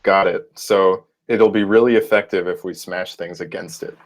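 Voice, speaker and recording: Man, tabletop player, joking, relaxed, low voice. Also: moderate pace. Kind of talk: casual chat during a tabletop game.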